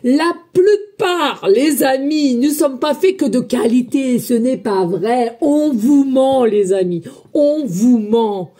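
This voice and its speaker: Woman, medium, loud emphatic guidance talk, high voice, mellow tone. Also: animated, slow pace. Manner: chatty, addresses viewers as friends. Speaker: medium giving a spiritual guidance reading. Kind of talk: casual spoken guidance to viewers.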